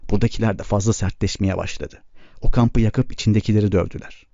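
Man reading brooding bearded old man, low wry tone, lo-fi. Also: steady tone, fast, gravelly, mellow, no room sound. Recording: dull lo-fi recording.

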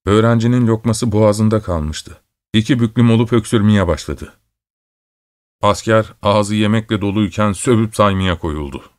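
A man narrating a story in a steady, measured storytelling voice. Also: lowish voice, no room sound, clean studio sound. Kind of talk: scripted narration.

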